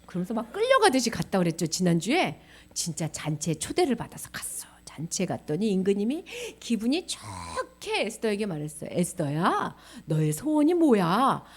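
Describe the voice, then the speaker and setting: A woman's voice: medium pitch, wildly swooping pitch, fairly quick. A woman telling a Bible story expressively in a sermon, often asking her listeners questions.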